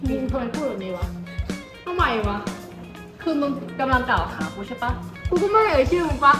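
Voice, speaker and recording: A proud, easily offended rich girl, played by a young woman in an amateur student drama. She talks fast and high, with a lot of rise and fall. The voice echoes in a room with loud music behind it. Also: big pitch swings. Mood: indignant. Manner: defensive, accusing. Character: proud, touchy daughter of a powerful father. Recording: roomy echo with loud background music.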